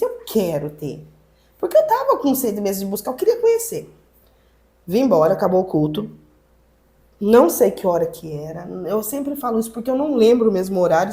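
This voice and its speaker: A woman pastor telling her personal testimony in a podcast conversation, animated and acting out what people said. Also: fairly high pitch. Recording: roomy echo.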